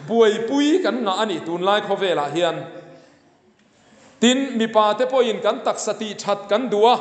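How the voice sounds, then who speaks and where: A man pastor delivering a sermon, earnest, sometimes dropping to a low, soft voice. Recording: echoey hall.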